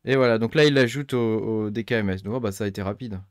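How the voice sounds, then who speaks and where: Low-voiced man rambling through a tutorial. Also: fast, smooth, dry recording, clean studio sound. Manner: rambling, thinks aloud with many fillers. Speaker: tech channel host. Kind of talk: casual screen-recorded tutorial.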